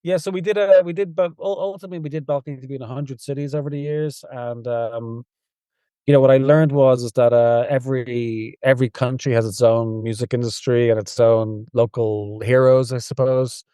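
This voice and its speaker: A man with a soft Dublin Irish accent, telling stories in a relaxed, rambling way as a podcast guest. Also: medium pitch, a little fast, smooth, dry recording, studio quality. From Ireland. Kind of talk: casual interview.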